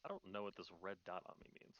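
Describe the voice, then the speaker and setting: Deep, quick-talking man at game table. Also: big pitch swings, a bit bright, dull audio. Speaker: player in a tabletop role-playing game. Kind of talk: casual game-table chat.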